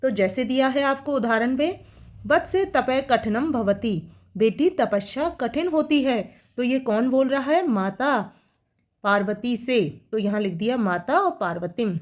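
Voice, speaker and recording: A woman's voice: a little high, lively intonation. Patient woman teacher explaining to children. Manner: reads each line slowly, then explains it. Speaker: school teacher. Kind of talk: solving textbook exercises for children.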